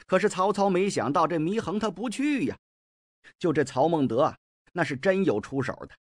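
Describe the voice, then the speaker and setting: Lively middle-aged male storyteller. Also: on the high side, moderate pace, dry recording. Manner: lively, colloquial, joking asides. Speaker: storyteller narrator. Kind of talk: traditional storytelling narration.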